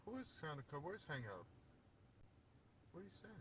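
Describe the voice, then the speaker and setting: A man in casual chat whose microphone sounds hollow and boomy, like he is talking inside a cave. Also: very animated, a bit bright. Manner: slow, loose, hesitant phrasing. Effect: hollow cave-like echo on his mic. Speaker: speaker in a live audio chat room. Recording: muffled boxy mic with cave echo and faint noise.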